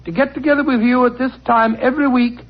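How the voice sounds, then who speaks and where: An actor playing a genial, flustered older English doctor with a British accent, bumbling and hesitant, in 1940s radio style. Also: male voice, extremely high pitch, fairly even intonation, fast. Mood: genial, fond. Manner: bumbling, hesitant, chuckling, stammering. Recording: dull, muffled old radio recording.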